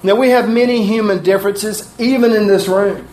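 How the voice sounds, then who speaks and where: A man's voice: high voice, fairly even intonation, normal speed, a little mellow. A middle-aged man preaching a sermon to his congregation, folksy and chuckling at his own asides. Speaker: pastor. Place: church sanctuary.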